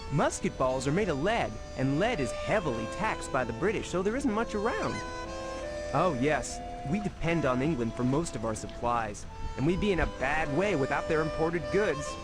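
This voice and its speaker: A restless young colonial Minuteman in an old educational adventure game, chatting earnestly and folksily. His voice sits high and lively. Game music plays clearly under him. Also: moderate pace, low-quality recording. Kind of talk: 1990s educational game voice acting.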